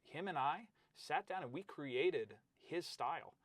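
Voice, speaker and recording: A middle-aged wrestling coach with a fairly high-pitched voice tells stories a little slowly in a casual interview, recorded dry. He's an animated storyteller who acts out quotes and keeps saying "bro" and "right?".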